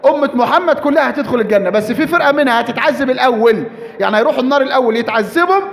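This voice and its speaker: An Egyptian man delivers a sermon in a strikingly high voice. He is emphatic, repeats his key phrases and drags them out for weight. His words ring out with a long reverb tail. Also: rapid-fire, creaky. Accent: Egyptian Arabic. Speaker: preacher.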